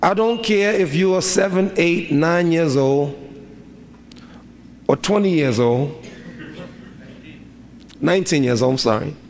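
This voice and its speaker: A middle-aged man preaches in a rhythmic cadence, repeating his questions back to the listeners. His voice sits a little higher than most men's. The long reverb of a large hall trails each phrase, with faint ambience underneath. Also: slow, pauses often, a little hiss or hum. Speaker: imam. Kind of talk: sermon.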